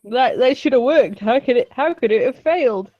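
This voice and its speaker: A woman's voice: on the high side, animated, normal speed, no room sound, lo-fi sound. A woman streamer hosting casual group banter while playing a game. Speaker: streamer and host.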